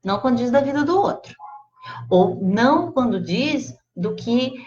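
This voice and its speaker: A Brazilian woman with a Brazilian Portuguese accent giving a casual, expressive live class, chatting directly to her audience. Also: fairly high pitch, unhurried. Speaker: psychologist teaching a live class. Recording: slightly dull lo-fi livestream audio.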